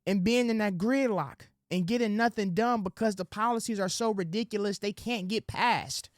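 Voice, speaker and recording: Here a high-pitched political commentary host speaks at a moderate pace, recorded at studio quality with no echo. Slangy and preachy, he urges civic duty straight to camera while addressing ladies and gentlemen. He drops into a soft, sweet-talking voice to act out quotes.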